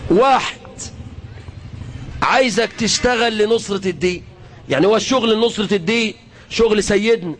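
A man with an Egyptian accent preaching to a crowd, fiery, shouting out prayers and switching between everyday and formal speech. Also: high-pitched. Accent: Egyptian Arabic.

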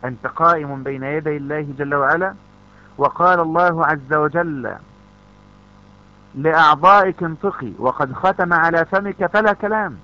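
A man's voice: fairly high pitch, normal speed. A male preacher, delivering a fervent sermon full of repeated rhetorical questions. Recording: dull lo-fi recording.

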